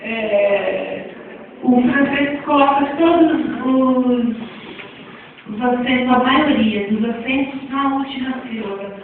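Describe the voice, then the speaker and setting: Speaking slowly in a high voice, a female teacher with a Brazilian Portuguese accent lectures her class on spelling reform, chatty and full of questions for the room. A crowd can be heard behind her, and the sound is distant, echoey and phone-like.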